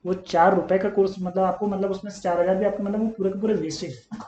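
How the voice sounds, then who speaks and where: A man's voice: high voice, steady tone, fast, mellow, dull audio. A man teaching chemistry to exam students, earnest and coaxing, often calling them "beta" and repeating his points on his words. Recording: echoey room with faint hum.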